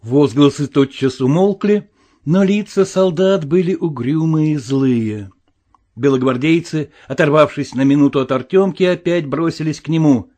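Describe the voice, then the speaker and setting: Expressive male audiobook narrator. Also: a little high, normal speed. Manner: expressive, swinging between loud and hushed. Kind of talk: dramatic audiobook reading.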